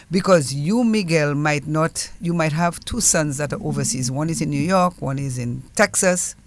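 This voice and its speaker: A Caribbean man speaks in a fairly high, creaky voice, recorded dry and close. He earnestly urges listeners in conversational advice, addressing them directly. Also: no room sound. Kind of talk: conversational advice in a panel interview.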